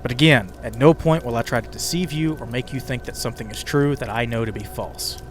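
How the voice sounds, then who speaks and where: This podcast host, who also writes the show, reads conversational narration with offhand asides to listeners. His mid-range voice runs a little fast, with an ambient music bed and crackling fire behind it.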